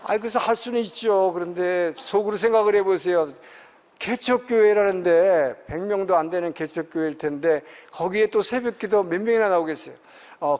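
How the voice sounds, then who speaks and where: Korean pastor preaching in a reverberant hall. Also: male voice, high voice, darkish tone. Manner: storytelling, with frequent pauses and fillers. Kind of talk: sermon testimony.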